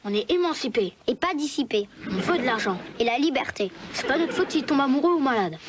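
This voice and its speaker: A woman's voice: sits high, lively intonation, a little fast, heavy background noise. An actress voicing a defiant, rebellious teenage girl in a cartoon. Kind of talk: cartoon voice acting.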